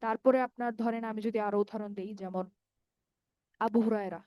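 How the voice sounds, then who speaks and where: A woman's voice: mid-range voice, steady tone, warm tone, no echo. Patient woman teaching Arabic grammar. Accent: Bangladeshi Bengali. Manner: patient, explains step by step, often checks with "ঠিক আছে?"; repeats word forms slowly and draws out long vowels. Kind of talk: online grammar lesson.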